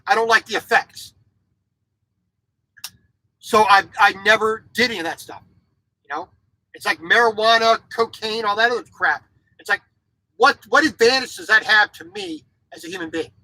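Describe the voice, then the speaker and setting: High-voiced with lively intonation, this forties truck driver vlogs from inside his tiny sleeper cab at normal speed, pausing often, his tone pushed and bright. The recording is dry and poor. Raised in Japan as a military child, he's blunt and opinionated, restarting sentences and repeating words.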